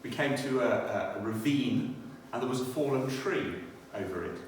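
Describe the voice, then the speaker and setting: This is a mid-range male voice at a normal tempo: a British churchgoer testifying about his life and reading scripture. The audio is faint and distant, full of church-hall echo and light noise.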